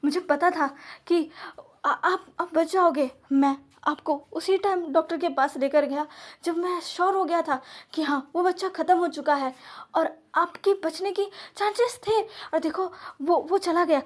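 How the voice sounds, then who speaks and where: A woman's voice: very high-pitched, a little slow. A woman voicing an obsessive, possessive young man who pleads and stammers in repeated words. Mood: pleading, frantic.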